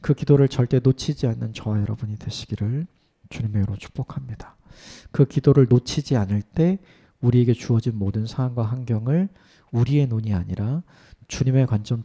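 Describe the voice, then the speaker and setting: A man preaching an early-morning sermon in an earnest way, his voice sometimes dropping to a soft whisper. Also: mid-range voice, slightly rough. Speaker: pastor.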